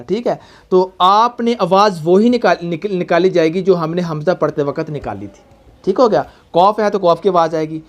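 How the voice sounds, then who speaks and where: A man with a Pakistani Urdu accent teaching a Quran reading lesson, patiently spelling out sounds slowly and often checking that the student follows. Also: high-pitched. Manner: patient, repeats checks like "okay?", slow drawn-out spelling for the child to echo. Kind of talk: recorded online reading lesson.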